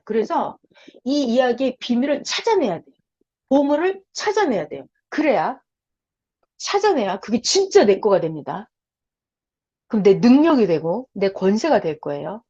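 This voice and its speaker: A woman teaching a Bible study online in an animated way, often asking her listeners questions. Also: on the high side. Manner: animated, asks the audience questions. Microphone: video call. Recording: lo-fi video call audio.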